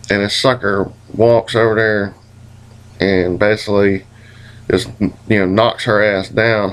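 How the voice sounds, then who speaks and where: A man's voice: lowish voice, poor audio. A man casually rambling through a recounted dream in a hazy, puzzled way, groping for words, with folksy, mildly profane phrasing. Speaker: vlogger.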